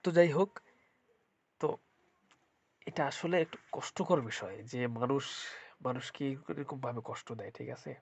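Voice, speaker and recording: A man's voice: medium pitch, measured pace, gravelly, long pauses, slightly rough. A man with a cold-blocked, congested nose, giving an informal religious talk as a spiritual healer, often repeating his phrases and asking rhetorical questions. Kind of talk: informal religious talk to viewers, with Quran recitation. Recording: dull, lo-fi sound.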